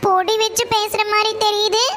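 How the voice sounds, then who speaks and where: This is a wary cartoon village girl who takes offence fast, voiced by a woman. Her voice is very high and piping, with a Kongu Tamil accent, and a faint hiss runs underneath it. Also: little pitch movement, fairly bright tone. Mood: suspicious. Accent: Coimbatore Kongu Tamil. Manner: suspicious, quick to take offence.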